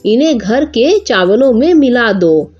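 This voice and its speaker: A woman's voice: on the high side, sing-song, unhurried, a little mellow, breathy edge, dull audio, soft background music, heavily acted. A woman voicing an honest, simple young village man who speaks earnestly.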